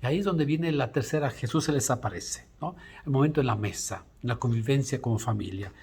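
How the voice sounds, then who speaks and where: Breathy priest giving a gospel homily. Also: male voice, mid-range voice, darkish tone. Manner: reflective, speaks in short phrases with pauses and restarts.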